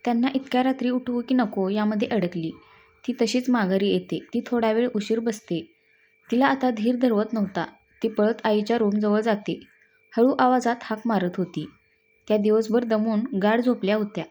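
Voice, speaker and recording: A woman narrating a drama story aloud in a steady, plain manner. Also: fairly high pitch.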